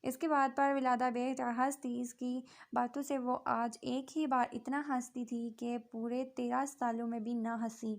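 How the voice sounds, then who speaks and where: A woman reading a romance novel aloud in a steady storytelling manner. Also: on the high side, a little slow, hardly any pauses. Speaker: novel reader.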